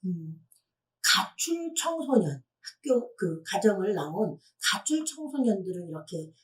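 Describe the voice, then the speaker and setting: A woman's voice: medium pitch, very animated, a little slow. A woman lecturer addressing teenagers, explaining step by step and putting questions to her audience. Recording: voice from a distant mic.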